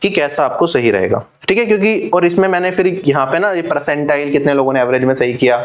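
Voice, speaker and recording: A man's voice: fairly high pitch, expressive. A man teaching an online maths lesson for exam prep, working through problems step by step and checking in with his students. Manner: brisk, explains step by step and checks in with listeners.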